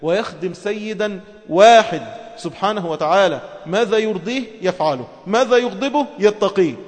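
A man with an Egyptian accent giving a religious lesson. He talks in a lively way and moves between everyday speech and formal reading. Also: high-pitched, normal speed. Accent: Egyptian Arabic. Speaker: preacher. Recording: long hall reverb.

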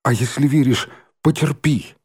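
A man voicing an earnest, remorseful schoolboy who speaks in a halting confession. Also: mid-range voice, darkish tone, slightly rough.

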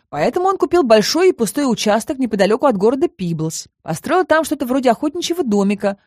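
Woman voicing a wry young man in an audiobook, lively intonation, dry close sound, ironic explainer. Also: medium pitch, dry recording. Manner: measured, lightly ironic explaining. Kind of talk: audiobook reading.

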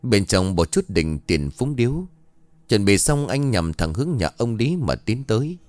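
A man narrating a village ghost story in a steady, expressive storytelling voice. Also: on the low side, unhurried, no room sound. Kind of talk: scripted horror story narration.

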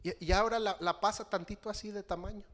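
Mexican pastor, middle-aged man, lively sermon delivery, talks straight to his congregation, voice sits a bit high. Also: quick pace. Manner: animated, constantly addressing the congregation as brothers.

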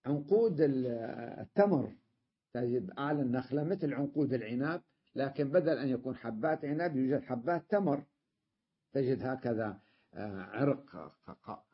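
In this classroom lesson, a man explains grammar one step at a time, frequently making sure the students follow along. He speaks at a medium pitch in a husky voice, and the audio has its highs cut off.

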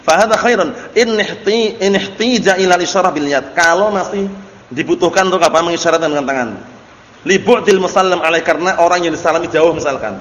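A man, an Islamic teacher, leads a religious study class, explaining Arabic text and frequently putting questions to his students. His voice is high and a bit bright, and he talks fairly quickly. The recording is from an echoey hall with faint noise.

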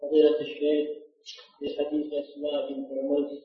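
A man reading written questions aloud to a scholar at a lecture, steady and plain. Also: on the high side, quick pace. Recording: far-off, phone-like, very echoey hall audio with faint music.

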